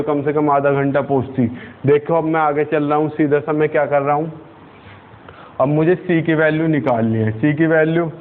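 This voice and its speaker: A man's voice: on the high side, a little hiss or hum. Man teaching physics, tinny phone-like sound. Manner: explains step by step and asks students questions. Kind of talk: whiteboard lecture.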